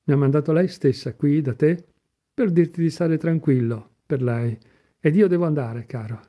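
Storybook part: a man doing a soft-hearted old police chief, coaxing and earnest, dark-toned voice. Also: a little high, moderate pace, close to an everyday voice. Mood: earnest fatherly. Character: older male police chief, fatherly, kind-hearted, agitated.

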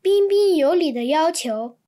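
High-pitched lady reading lesson translations, clear and steady. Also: a little slow. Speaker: Chinese translation reader. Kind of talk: scripted textbook translation reading.

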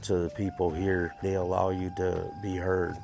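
A man's voice: deep voice, flat delivery, moderate pace, creaky, over music. A man patient speaking sincerely and gratefully about counseling in a documentary interview. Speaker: clinic patient.

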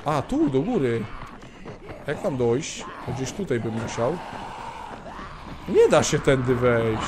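Excitable man commenting on a game. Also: medium pitch, takes it slowly, background noise. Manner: excitable, swearing, exclaiming at the game. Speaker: gamer. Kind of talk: let's play commentary. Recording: voice over game music.

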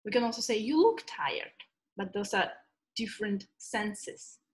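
A woman giving a recorded English grammar lecture, explaining slowly and deliberately with many examples. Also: medium pitch. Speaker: English teacher.

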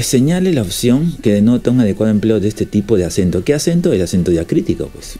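Low, dark-voiced tutor. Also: male voice. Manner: chatty, peppers sentences with tag questions. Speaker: exam prep tutor. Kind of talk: lesson solving exam questions.

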